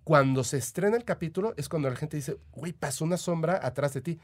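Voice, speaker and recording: A man's voice: a little high, fast talker. Chatty Mexican man telling stories. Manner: chatty, eager, full of "o sea" and "este" fillers. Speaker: podcast guest, paranormal podcaster. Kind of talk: casual storytelling.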